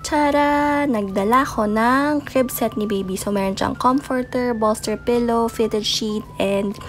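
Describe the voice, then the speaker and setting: Speaking a little slowly in a voice on the high side, a young mom vlogger walks through baby items in a casual voice-over. She's chatty and soft-voiced as if late at night, mixes in English words, and has faint music behind her.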